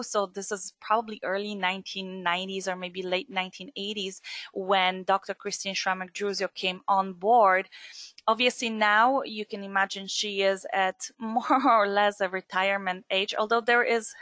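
A woman's voice: medium pitch, sharp tone, no room sound. A woman from Poland presenting a skincare webinar in a chatty way, with many fillers and asides.

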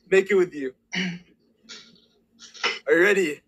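A man's voice: sits high, slow, a bit bright, husky. A man hosting a casual livestream, chatty and upbeat, often restarting his sentences. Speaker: host.

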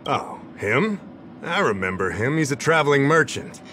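A laid-back forgetful official, voice jumps around a lot, faint bg noise. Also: male voice, medium pitch, sing-song, moderate pace, sharp tone. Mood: casual. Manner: casual and easygoing, a bit forgetful. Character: friendly, scatterbrained male official. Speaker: game character. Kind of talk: video game voice acting.

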